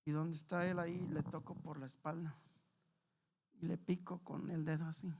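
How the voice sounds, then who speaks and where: Guy preaching in church, keeps saying hermanos, gets loud then quiet. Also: a little high, flat delivery, moderate pace, creaky. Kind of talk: sermon with testimony and prayer. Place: church sanctuary.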